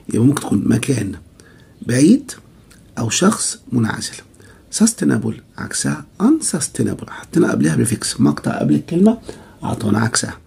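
A man's voice: mid-range voice, gravelly, dark tone, breathy edge. A man teaching English vocabulary with an Egyptian accent, reading word pairs, repeating terms and answering his own questions. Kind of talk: vocabulary lesson, mixing Egyptian Arabic and English.

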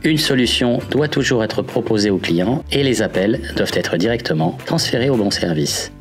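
A man's voice: fairly low pitch, expressive, normal speed. A man giving scripted instructional narration for a training video. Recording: faint background music.

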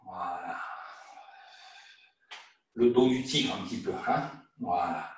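A man with a French accent leads an online qigong lesson in a calm, guiding voice at a middle pitch. He keeps adding little fillers as he explains. The sound is very echoey and distant, as if he stands well back from the mic. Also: normal speed. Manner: calm guiding instruction, frequent "hein" and "voilà". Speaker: qigong teacher. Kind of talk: online qigong class instruction. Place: room at home or studio, teaching over video call. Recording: echoey room, voice from far off the mic.

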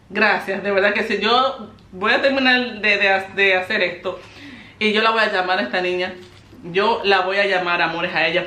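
A woman's voice: mid-range voice, reverberant. Emotional, laughing Dominican woman vlogger. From Dominican Republic. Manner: expressive and emotional, laughs often. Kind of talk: casual vlog, opening birthday gifts. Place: home, indoors.

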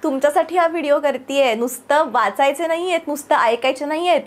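A woman with a Marathi accent teaching spoken English. She says each English phrase slowly and twice for learners to repeat, and in between she gives quick, encouraging explanations. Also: high voice. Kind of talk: bilingual spoken-English drill lesson.

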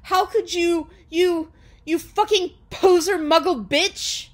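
A woman voicing a furious, wounded teenage vampire boyfriend, shouting accusations in an overdramatic fan fiction reading. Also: extremely high pitch, slow pace, pitched above the performer's own voice. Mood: furious, hurt.

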